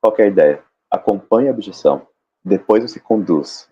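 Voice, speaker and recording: Low, husky man explaining sales technique. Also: expressive, normal speed, dark tone. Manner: explains by acting out seller and client dialogue. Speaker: panelist on a sales training live stream. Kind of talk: live panel talk on sales techniques. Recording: dull lo-fi stream audio.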